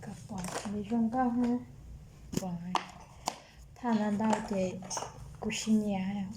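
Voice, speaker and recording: A woman's voice: medium pitch, fairly even intonation, slow pace, noisy background. A woman vlogger talking casually in a chatty way to someone nearby. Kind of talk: casual chat.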